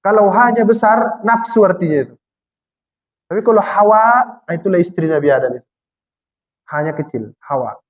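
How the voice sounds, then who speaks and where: A man preaching a Quranic exegesis sermon, putting questions to the congregation and answering them himself, and slowing right down to recite verses. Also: high-pitched, expressive. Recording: dull lo-fi recording.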